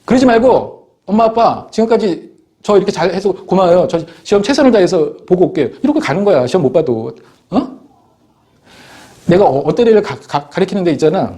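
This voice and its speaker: A middle-aged man lectures his students with a lively, swooping delivery that climbs high, often stumbling over his words and restarting. His tone stays mellow and soft-edged even as he acts out pupils and parents to drive his point home. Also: brisk. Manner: animated, scolding, acts out students and parents in quoted voices. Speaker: teacher. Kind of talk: motivational classroom talk.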